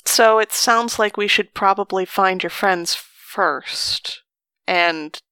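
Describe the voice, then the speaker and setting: A woman playing a tabletop game, speaking in a thoughtful, measured way. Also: mid-range voice, bright, forceful tone, clean tone, dry recording. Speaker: player. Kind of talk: casual play chat.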